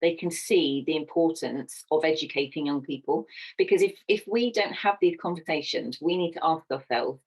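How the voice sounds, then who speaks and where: A middle-aged woman, a sex educator talking earnestly and warmly about her work in a casual chat. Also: low voice, moderate pace, husky, rough recording. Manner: earnest and enthusiastic.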